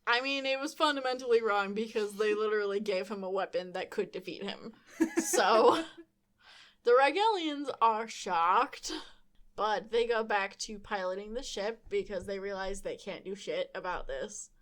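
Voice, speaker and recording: A woman's voice: mid-range voice, moderate pace, fairly bright tone. A young woman hosting a podcast, recapping a comic book casually with frequent laughter and wry asides. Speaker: podcast host.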